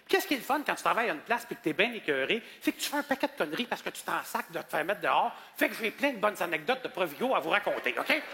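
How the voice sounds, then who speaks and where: Québécois guy doing stand-up, high lively voice, fast, echoey hall. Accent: Québécois French. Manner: animated, acts out customers in high voices. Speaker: stand-up comedian. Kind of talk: stand-up comedy routine. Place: comedy gala stage. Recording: live hall reverb, faint noise.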